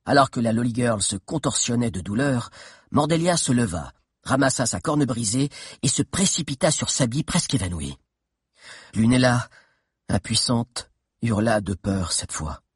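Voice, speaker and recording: A man reading a children's adventure novel aloud in a steady, dramatic narration with tense pauses. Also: mid-range voice, breathy edge, dry recording, studio quality. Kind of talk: audiobook narration.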